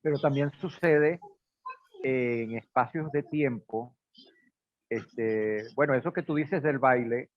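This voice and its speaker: A man's voice: medium pitch, takes it slowly, dry recording. A man from Portugal raised in Venezuela, telling a personal story in a hesitant conversational way with many fillers. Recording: dry, phone-like band.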